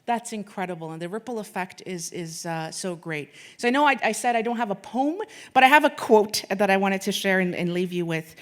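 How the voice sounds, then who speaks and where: A woman in her late thirties from Afghanistan, speaking as a corporate sponsor, gives an earnest speech at an event with frequent restarts and fillers. Her mid-range voice is expressive, a little fast, with few pauses.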